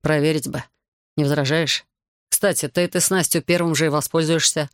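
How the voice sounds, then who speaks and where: A composed, sober official who keeps his words even and dryly ironic, his tone low and gravelly, as a male reader voices him. Close and dry, an audiobook reading with no room in it. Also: normal speed, no echo, close to an everyday voice. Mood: calm.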